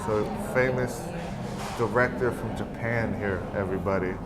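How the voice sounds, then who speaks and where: Homme animateur d'interview, ton enjoué et réactions rapides, bruit de fond marqué. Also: male voice, lowish voice. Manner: upbeat, with quick reactions. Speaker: host and interviewer. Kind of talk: casual street interview. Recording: clear background noise.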